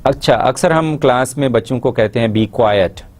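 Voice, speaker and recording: A man with a Pakistani accent giving a lecture in Urdu, pausing to read out English example sentences slowly and carefully. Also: medium pitch. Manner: explains in Urdu, models English phrases slowly and deliberately. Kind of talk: classroom lecture.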